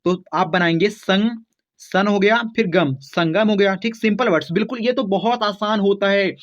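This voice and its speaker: A man with a fairly high voice teaches beginners to spell, sounding out each word letter by letter. He pauses often to check that his students follow. The recording sounds dull and lo-fi.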